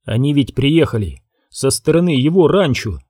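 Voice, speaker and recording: Male audiobook narrator, mellow warm voice, lively pitch, dry sound. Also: moderate pace, dry recording. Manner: steady storytelling. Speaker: audiobook reader. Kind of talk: scripted narration.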